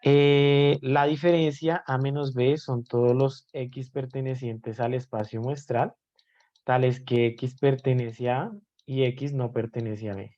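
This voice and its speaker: A man teaching a live online class, with a dark, mellow tone. He walks through each definition step by step and often pauses to check that his students are following. The audio is a little dull and lo-fi. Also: medium pitch, fairly even intonation. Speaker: math teacher.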